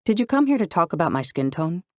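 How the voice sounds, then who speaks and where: Male reader doing a clipped, blunt seventeen-year-old siren girl, brighter and higher, in a dry audiobook read. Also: sing-song, quick pace, no echo. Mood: curt. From Canada. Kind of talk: audiobook character voice.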